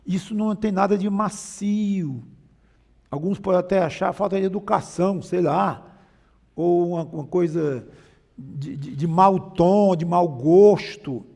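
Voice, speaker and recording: With a Brazilian Portuguese accent, a man preaches a sermon emphatically, often shifting his volume and pace and mimicking mocking voices. His voice sits high and is warm, with vocal fry, and he speaks a little slowly; the recording has a long reverb tail.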